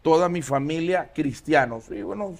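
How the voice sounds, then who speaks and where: A man in his forties, a pastor, telling his life story as an interview guest with many pauses and fillers. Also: fairly high pitch, animated, creaky. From Honduras. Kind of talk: casual interview.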